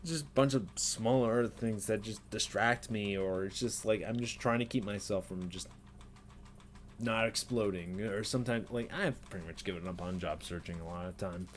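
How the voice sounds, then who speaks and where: Speaking at a normal speed in a lowish voice, this man in his twenties runs himself down in a raw, unedited vlog, laughing nervously and leaning on fillers. A faint hiss or hum comes through from the desk webcam in his small bedroom.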